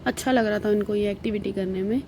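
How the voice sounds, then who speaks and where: Chatty Indian woman with a mellow voice. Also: medium pitch, fast talker, vocal fry, slight background noise. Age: adult with young children. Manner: chatty, relaxed storytelling with many fillers. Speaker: vlogger. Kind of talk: travel vlog voice-over.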